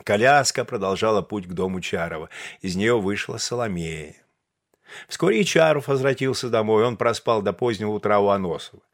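A man narrating a classic novel as an audiobook, in a measured literary storytelling manner. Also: fairly low pitch, lively intonation.

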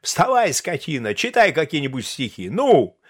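A man reading an audiobook, voicing an excitable, impulsive young gentleman who speaks in agitated, exclamatory outbursts. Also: fairly high pitch, moderate pace, slightly rough, voice pushed up, exaggerated voice. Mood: shouting.

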